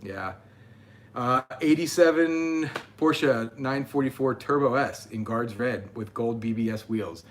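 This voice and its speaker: A man's voice: medium pitch, measured pace, slight background noise. A man in his forties hosting a casual livestream, chatting and reading viewer comments aloud. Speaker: channel host.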